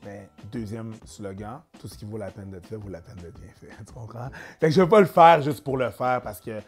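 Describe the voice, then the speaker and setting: A man's voice: on the low side, normal speed, soft background music. A young man with a Québécois French accent, talking casually as a comedian being interviewed and slipping in English phrases. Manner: relaxed, slips in English phrases. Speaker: comedian guest.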